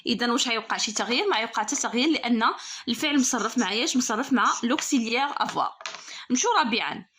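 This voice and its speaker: A woman teacher with a Moroccan Arabic accent correcting an exam step by step, reading French prompts slowly and explaining them. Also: on the high side, fairly bright tone, a little hiss or hum.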